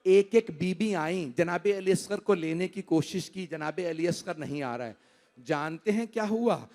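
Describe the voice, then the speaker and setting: Man, preacher, mourning sermon, high voice, impassioned, speaks to the audience, long hall echo. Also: measured pace, a little mellow. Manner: impassioned storytelling, builds to cries; addresses the audience directly.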